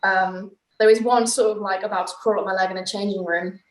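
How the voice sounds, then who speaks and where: A young woman from the East Midlands of England, a footballer, is a guest in a casual video-call chat, laughing a lot and filling pauses with um. She speaks briskly in a mid-range voice with fairly even intonation, against an echoey room and a noisy background.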